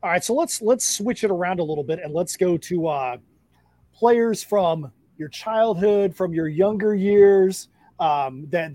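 A man's voice: high voice, dark tone, dry recording. A man from South Florida with an American accent, casually hosting a sports discussion. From South Florida, USA. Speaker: sports podcast host.

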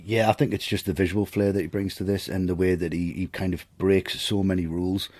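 A man's voice: deep voice, little pitch movement, fairly quick, darkish tone, no echo. A man enthusing about film technique in casual, sweary podcast chat.

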